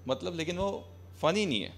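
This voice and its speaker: Young man, stand-up comedian, sarcastic chatty delivery, slightly high voice, small cafe stage, handheld mic. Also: animated, moderate pace, creaky. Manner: conversational, sarcastic, switching between Hindi and English. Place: small cafe stage with brick wall, live audience.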